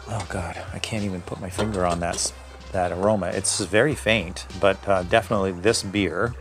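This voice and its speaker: A man's voice: low voice, fairly even intonation, fairly quick, faint music behind. A man reviewing his own home-brewed beer in a casual tasting video, thinking aloud and correcting himself as he goes. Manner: describes aromas and flavors in detail.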